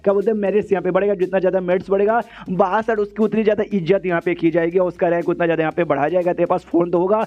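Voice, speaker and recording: Fast, high-voiced man recapping a story. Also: little pitch movement, lo-fi sound. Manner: fast, slangy, quotes characters in quick asides. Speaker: anime recap narrator.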